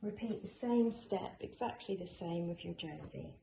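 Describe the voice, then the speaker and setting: Female tutorial host: encouraging, conversational, slightly low-pitched, recorded in a roomy space with clear noise behind. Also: lively intonation, normal speed. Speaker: sewing tutorial presenter. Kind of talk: informal craft tutorial, talking through a demonstration. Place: indoors in a room at home. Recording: echoey room, clear background noise of drilling. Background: builders' drilling and work noise.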